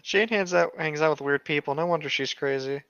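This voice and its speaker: A co-reader riffs on a horror story, giving a mocking dramatic reading peppered with exasperated, sarcastic ad-libs. The mid-range voice is a little fast, a bit bright, clear and resonant, with no room sound, though the microphone is slightly dull.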